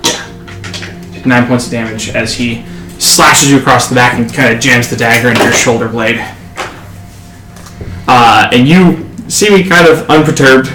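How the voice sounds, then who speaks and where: A man narrating as game master of a tabletop game, halting, with many fillers. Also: medium pitch, bright, forceful tone. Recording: echoey room, faint noise.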